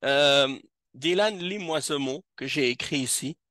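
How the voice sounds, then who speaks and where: A man teaching Arabic grammar to a class, explaining slowly with frequent hesitations. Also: medium pitch, pushed and bright, no echo, studio quality. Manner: slow, hesitant explaining with many fillers. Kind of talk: classroom lesson. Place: mosque classroom.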